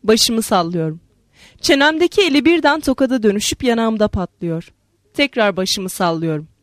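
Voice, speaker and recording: A woman reads a literary novel aloud, measured and expressive. Her voice sits fairly high. The recording is dry and close, with no room sound. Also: no room sound. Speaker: narrator. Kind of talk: literary audiobook narration.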